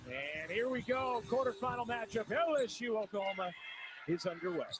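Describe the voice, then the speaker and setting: A man calling a basketball game live as play-by-play commentator, in brisk, measured calls. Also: high voice, animated. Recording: TV broadcast audio with loud noise.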